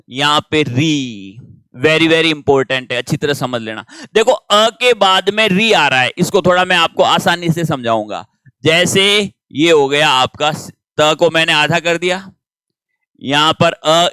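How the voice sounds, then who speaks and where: A man's voice: fairly high pitch, pushed and bright, clean tone, no echo. A man teaching grammar in a patient classroom manner, asking questions and answering them himself.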